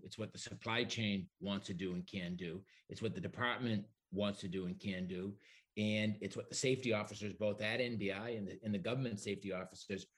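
Husky, low-voiced middle-aged man explaining plans. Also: fairly bright tone. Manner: emphatic repetition and list-building. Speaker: broadband executive interviewee. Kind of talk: explanatory interview answers.

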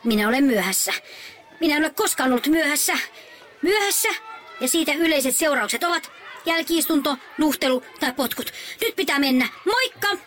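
A woman's voice: high voice, lively intonation, fairly bright tone, a faint crowd. A woman voicing a young boy genius who talks in a stiff, formal, bookish way, in a children's audio drama. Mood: alarmed.

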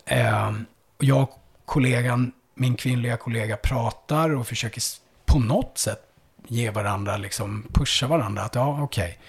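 A man who works as a police officer, recounting a hard call-out in a conversation, halting and full of fillers, dropping low and quiet at the heaviest parts. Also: vocal fry, slightly rough. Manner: halting, with many fillers and restarts.

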